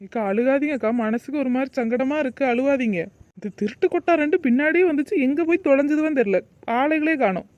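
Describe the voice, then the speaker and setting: A woman's voice: sits high, quick pace, darkish tone, no room sound, muffled recording, natural voice. A woman voicing a kind, concerned young village woman in a cartoon, coaxing.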